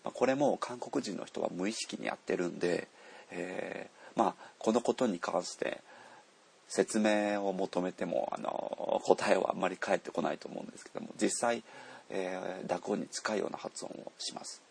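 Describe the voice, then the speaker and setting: A man teaching pronunciation to learners, unhurried, with many drawn-out fillers. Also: deep voice, creaky, husky. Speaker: Korean language teacher.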